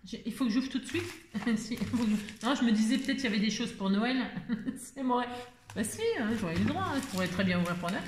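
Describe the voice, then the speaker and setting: A woman's voice: a little high, expressive, quick pace, echoey room, a little hiss or hum. A woman vlogger chatting casually and exclaiming as she unboxes crafts, talking to her viewers and to herself.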